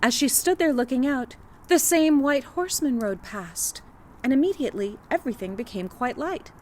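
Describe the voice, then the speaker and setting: A woman storyteller reading a folktale aloud in an expressive, dramatic narrating style. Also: high-pitched, normal speed.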